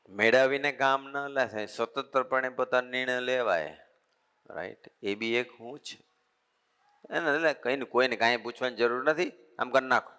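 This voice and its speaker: A man's voice: fairly low pitch, a bit bright, clean tone. A man, a monk giving a conversational sermon, talking in a folksy way and repeating his points as lists. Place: assembly hall. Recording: long hall reverb.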